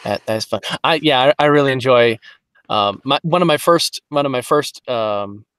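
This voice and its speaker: A man's voice: medium pitch, normal speed, a bit bright, clean tone, dry recording. Man chatting with a dry close mic. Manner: playful, slips into character accents mid-story. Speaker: voiceover actor, podcast guest. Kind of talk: casual podcast chat.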